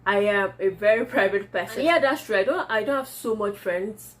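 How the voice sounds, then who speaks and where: A woman with a Nigerian accent, Yoruba being her first language, chats casually in her vlog, laughing often as she responds to viewer comments. Her voice is mid-range and her speed normal.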